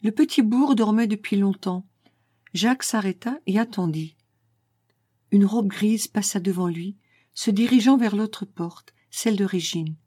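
Female audiobook reader, calm and measured, warm dark tone, dry close recording. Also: medium pitch, husky, no echo. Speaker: narrator. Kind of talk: audiobook reading of a classic story.

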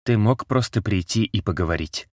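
A biting, cold talking cat in an audiobook, as a deep-voiced male narrator puts him on, pitched up and curt. The sound is dry and close-miked. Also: animated, normal speed, dry recording. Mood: harsh. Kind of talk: audiobook character voice.

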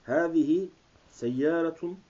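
Guy student reading n translating slowly word by word, husky mellow voice, dull old worn tape sound. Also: a little high. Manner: halting, word-by-word delivery. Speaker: language student. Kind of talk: reading aloud and translating in a lesson. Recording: muffled old cassette tape.

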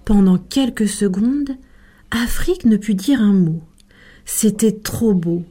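A woman storyteller narrating a tale in an expressive, measured way. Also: medium pitch. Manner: expressive, measured, slowing for emphasis.

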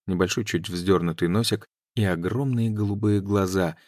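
A man reads an audiobook in a very deep, low voice, even and measured. The sound is dry and close to the mic. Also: dry recording. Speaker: audiobook narrator. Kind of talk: scripted narration.

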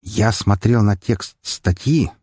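Husky, low-voiced male audiobook narrator. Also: slow, warm tone, no echo, studio quality. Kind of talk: first-person audiobook narration.

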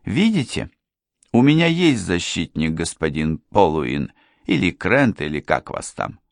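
A man's voice: very deep voice, unhurried, gravelly, no echo, clean studio sound, full character voice. A man voicing a defiant young woman who mocks her opponent.

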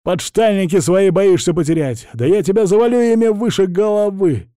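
A man's voice: medium pitch, a little fast, warm tone, breathy edge, dry recording, clean studio sound, close to an everyday voice. A male narrator voicing a cowardly fake writer who whines and shrieks hysterically in an audiobook. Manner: whiny, hysterical. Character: whiny cowardly older male writer, a count.

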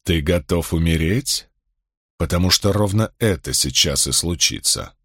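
A man voicing a calm, self-assured stranger warrior with a dry, curt manner. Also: low voice, unhurried, husky, dry recording, exaggerated voice. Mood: defiant.

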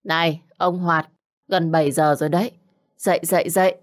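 A woman's voice: lowish voice, fairly even intonation, moderate pace, lightly acted. A woman voicing a frantic older village wife, crying out and wailing for help in a Vietnamese folk tale. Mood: coaxing.

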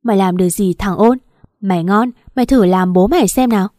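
A woman's voice: mid-range voice, brisk, warm tone, no room sound, studio quality, lightly acted. A woman voicing a brutish young man who swears and threatens, in a coarse, menacing way.

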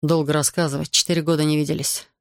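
A man's voice: on the high side, level tone, fast talker, vocal fry, no echo, studio quality. A man voicing a proud, hot-tempered officer who argues insistently. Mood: earnest.

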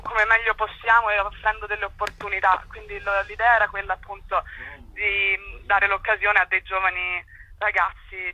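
On a roughly recorded radio interview, a young woman representing a cultural association explains things in a casual way, often groping for words. Her voice is mid-range with a sharp edge.

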